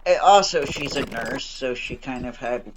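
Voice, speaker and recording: Over a noisy background with game music, a man with medium pitch and lively intonation talks at a normal pace. Stuffy and nasal from allergies and with bonfire smoke bothering his chest, this let's play host rambles apologetically in his home basement, filling his casual gaming chat with fillers.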